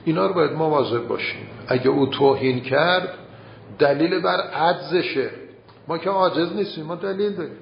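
A man giving a conversational sermon as a cleric, asking rhetorical questions and swinging between soft and loud. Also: a little high, vocal fry. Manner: conversational preaching, rhetorical questions, shifting loudness. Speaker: cleric giving a religious talk. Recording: roomy, slightly dull recording with faint noise.

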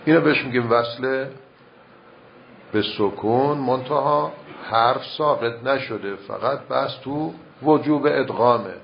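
A man teaching recitation rules in a measured, step-by-step way, reciting verse examples as he explains. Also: mid-range voice, creaky. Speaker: religious teacher. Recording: muffled lo-fi recording with faint noise.

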